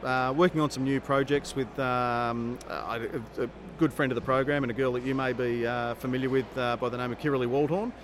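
An Australian man co-hosting a podcast in a hesitant, wry, self-deprecating way, on a low-quality location recording. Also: fairly even intonation, a little fast, hardly any pauses, noisy background. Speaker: podcast co-host. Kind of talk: casual chat. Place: above the floor of a festival hall.

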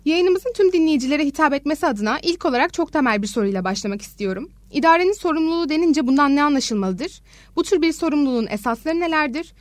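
A woman hosts a student radio show, reading prepared introductions and questions in a formal, polite manner. Her voice is high and her delivery brisk. The sound is dry and close. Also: lively intonation, no room sound.

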